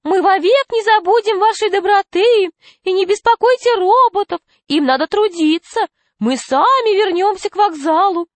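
A woman's voice: very high-pitched, normal speed, dry recording, voice pushed up. A woman voicing two adult male tricksters who speak together, gushing with exaggerated gratitude. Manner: gushing, overly grateful. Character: two fawning adult male tricksters, voiced as a high chorus.

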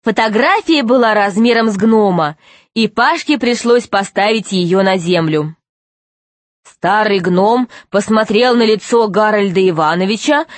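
A woman's voice: a little high, dry recording. Woman reading a children's story. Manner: steady expressive storytelling. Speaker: narrator.

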